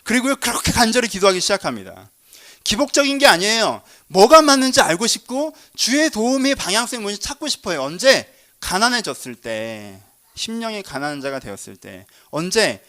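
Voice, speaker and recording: A man's voice: high voice, big pitch swings, brisk, bright, forceful tone. A male pastor giving a conversational sermon in a church, asking the congregation questions and joking with them.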